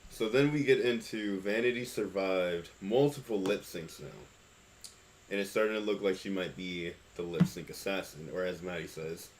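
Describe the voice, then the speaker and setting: A man hosting a casual chat podcast, leading the questions in a brisk, profane way. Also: deep voice, noisy background. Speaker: podcast host.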